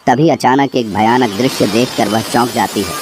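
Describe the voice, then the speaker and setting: A man narrates a scripted horror story at a moderate pace in a mid-range voice. Birds and insects provide clearly audible nature ambience in the background.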